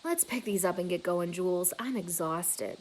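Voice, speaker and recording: A woman's voice: on the low side, moderate pace, a little mellow, pitched below the performer's own voice, close to an everyday voice. A woman voicing a weary, dismissive father in a storybook, with an exasperated manner. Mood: tired, dismissive. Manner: exasperated, sighing. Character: weary, dismissive father who works as a cleaner.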